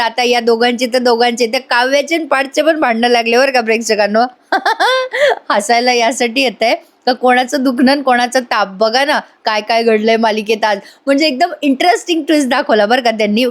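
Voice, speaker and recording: A woman giving a chatty voice-over recap of a TV serial, laughing and talking straight to viewers. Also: fairly high pitch. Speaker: TV serial reviewer. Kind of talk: casual voice-over episode recap. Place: voice-over recording.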